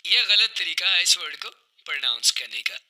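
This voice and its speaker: A man teaching English vocabulary, saying each word slowly and carefully and talking to viewers as friends. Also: high-pitched, very animated, bright, forceful tone. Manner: slow and deliberate, addresses viewers as friends. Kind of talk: vocabulary lesson, repeating words slowly.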